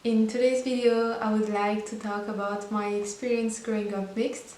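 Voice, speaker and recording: Speaking at a moderate pace in a medium-pitched, level and slightly mellow voice, a twenty-something vlogger from Belgium chats earnestly to camera about her life in her native French. It's a casual monologue with small restarts, recorded in an echoey room with a faint hiss.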